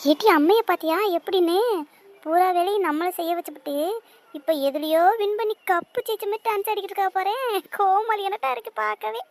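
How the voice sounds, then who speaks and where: A woman voicing a sharp-tongued, gossipy teenage sister, grumbling quickly and slyly. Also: very high voice, fairly even intonation, dry recording. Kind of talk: cartoon voice acting.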